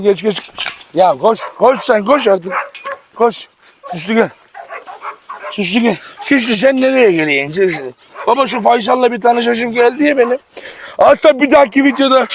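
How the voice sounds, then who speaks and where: A man with a high-pitched voice vlogs from an outdoor garden, chatting to the camera and energetically calling and scolding his dogs. Dogs bark behind him, and the camera-mic recording carries clear outdoor noise. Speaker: farm vlogger. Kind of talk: casual vlog to camera. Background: dogs barking.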